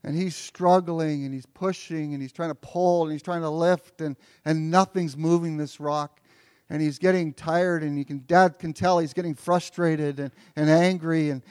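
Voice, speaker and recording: A man's voice: a little high, fairly even intonation, moderate pace, darkish tone, clean tone, no room sound, studio quality. A pastor preaching an earnest sermon, often repeating words as he builds toward a point.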